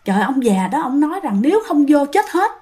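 A woman's voice: high voice, sing-song, a little fast, warm tone. A woman with a Southern Vietnamese accent voicing a shaken, bossy middle-aged male site foreman in a spoken ghost story. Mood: alarmed.

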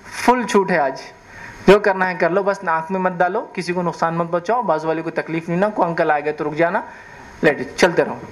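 High-voiced animated male preacher. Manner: animated, questions the audience. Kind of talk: sermon.

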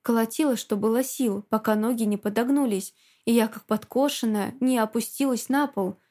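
A woman's voice: a little high, moderate pace, mellow. A woman reading a first-person audiobook with tense, emotional delivery. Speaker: audiobook narrator.

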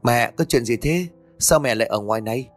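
A man voicing a tense, short-tempered young husband who speaks in gruff, curt bursts. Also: mid-range voice, a little fast, soft background music, natural voice. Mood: irritated.

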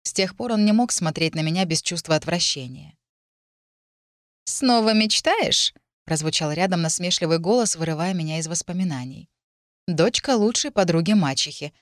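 A woman reading her own book aloud, telling the story in a steady, measured way. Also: sits low, dry recording, studio quality. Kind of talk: audiobook narration.

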